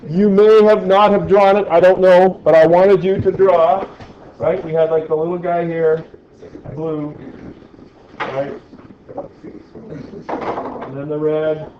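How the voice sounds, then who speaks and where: A little high and level in tone, a male teacher lectures slowly, pausing often, against a noisy background. He jokes with students and frequently checks in with "right?". The lo-fi classroom recording is echoey and dull.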